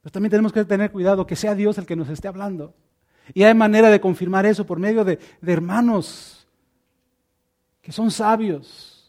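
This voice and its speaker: A man's voice: high-pitched, darkish tone. A man preaching a sermon in a conversational, earnest way, acting out small dialogues and repeating key words. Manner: conversational, acts out little dialogues.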